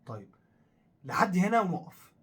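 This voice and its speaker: A man with an Egyptian Arabic accent, co-hosting a casual football talk show, animated and full of fillers as he goes over the story. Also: high-pitched, normal speed, breathy edge. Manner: animated, repetitive, thinks aloud with many fillers. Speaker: co-host of a football talk channel.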